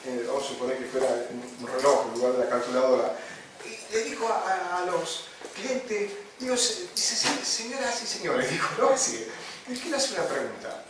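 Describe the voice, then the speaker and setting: A man's voice: a little high, big pitch swings, brisk. A man with a Rioplatense Spanish accent, a pastor giving a chaplaincy lesson in a conversational sermon style, often tagging his sentences with "¿no?". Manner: conversational, frequent "¿no?" tags and fillers. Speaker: pastor teaching a chaplaincy course. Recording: echoey room from far off, faint noise.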